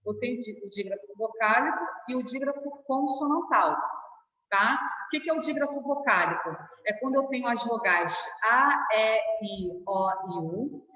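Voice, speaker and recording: A fairly high-voiced Brazilian woman teaches an online lesson in a patient, checking-in manner. She sits back from the mic in an echoey room with a long ring, and the sound is dull and lo-fi. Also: normal speed, sharp tone, distant mic. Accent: Brazilian Portuguese. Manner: patient, stretches out example words and checks in with "tá?".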